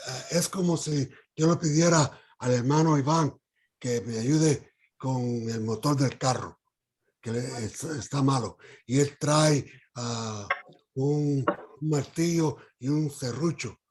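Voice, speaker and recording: A man leading a Bible study. He speaks haltingly, with many fillers and restarts, and puts questions to the group. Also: mid-range voice, darkish tone.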